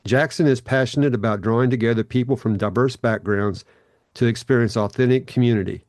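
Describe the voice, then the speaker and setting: A man's voice: mid-range voice, darkish tone, no room sound, studio quality. A middle-aged man hosting a podcast interview and reading an earnest, welcoming introduction. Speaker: podcast host.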